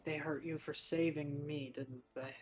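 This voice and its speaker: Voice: mid-range voice, flat delivery, measured pace, faint music behind, lightly acted. A player voicing a blunt, sardonic, protective young man in a tabletop game, in terse lines. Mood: bitter, protective. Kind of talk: tabletop role-play.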